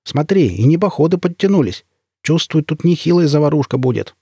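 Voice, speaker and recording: A man's voice: on the high side, animated, fairly quick, dark tone, slightly rough, dry recording, studio quality, pitched above the performer's own voice. Young village lad on a bike, urgent and raised; male reader voicing him. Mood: eager.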